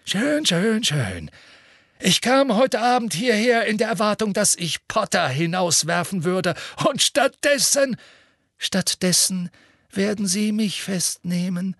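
A man putting on a mild, calm old wizard in a storybook, set apart in tone from the narration. He speaks slowly and gently, raised in pitch. The sound is dry and close. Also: dry recording, exaggerated voice.

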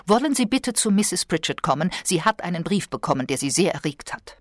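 A woman's voice: on the low side, very animated, brisk, no room sound, clean studio sound. A woman voicing a stern, sensible nurse who speaks firmly and measuredly.

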